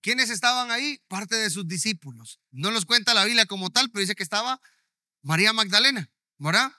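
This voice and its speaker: High, bright-voiced preacher. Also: male voice, animated, brisk, dry recording, clean studio sound. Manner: emphatic, often checking in with the audience. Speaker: pastor. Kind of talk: sermon.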